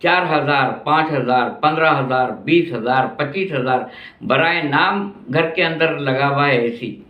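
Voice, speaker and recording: Speaking at medium pitch, an older man from Pakistan delivers a slow, nostalgic monologue about his city for his vlog. He leans on repetition for emphasis and becomes increasingly annoyed about prices. Sound quality is lo-fi, dull and roomy.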